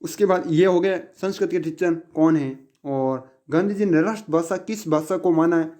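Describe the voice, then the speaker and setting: Man teaching in a warm, mellow voice. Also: on the high side, normal speed. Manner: repetitive, asks and answers his own questions. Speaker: exam prep teacher. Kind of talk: casual exam-prep lesson.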